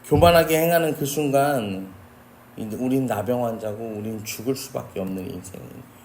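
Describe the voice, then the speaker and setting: Male pastor, earnest sermon delivery addressing the congregation, mid pitch, faint background noise. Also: fairly quick, darkish tone. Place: church sanctuary.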